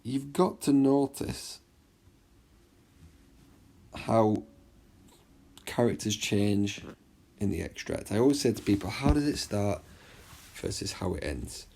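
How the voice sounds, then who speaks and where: A man teaching an exam revision lesson in a chatty way, often checking understanding and reading the extract aloud slowly. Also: lowish voice, expressive, vocal fry, a little mellow, husky. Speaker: English literature teacher.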